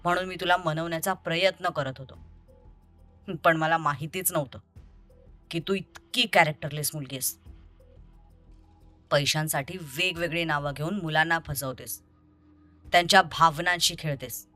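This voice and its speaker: A woman voicing an angry young man who confronts his deceitful ex-lover in an audio story, over soft music. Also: fairly low pitch, no room sound, voice pushed down. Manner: accusing, bitter and confrontational.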